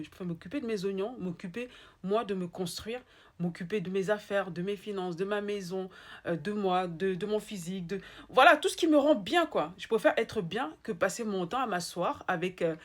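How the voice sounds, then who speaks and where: A woman with an Ivorian French accent giving a motivational monologue, emphatic and repeating her points straight to the listener. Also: mid-range voice. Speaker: motivational speaker.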